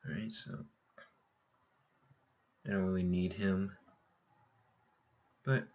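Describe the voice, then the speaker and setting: A low-voiced man, slightly scratchy as if his throat is sore, hosts a gameplay session with casual commentary. He thinks out loud and keeps correcting himself.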